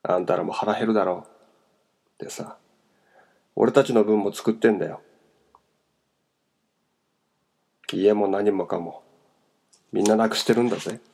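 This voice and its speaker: A bitter, tearful young man, pained and lashing out, as a male narrator voices him. His voice sits low with a gravelly grain. Read as an audiobook character. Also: fairly even intonation, moderate pace, pauses often, a little mellow. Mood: gruff.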